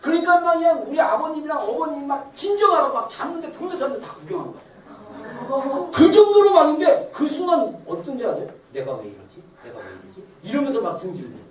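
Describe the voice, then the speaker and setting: A high, animated voice preaches a Sunday sermon, often laughing and acting out voices. The sound fills a roomy sanctuary, picked up from a distance. A faint hum of ambience sits behind it. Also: fast. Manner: animated, acts out quoted voices. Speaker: pastor. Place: church sanctuary.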